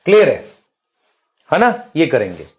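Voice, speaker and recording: A man's voice: on the high side, wildly swooping pitch, measured pace, a little mellow. A male biology teacher, explaining at the board and quizzing students with rhetorical questions. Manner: addresses students as beta and bhai.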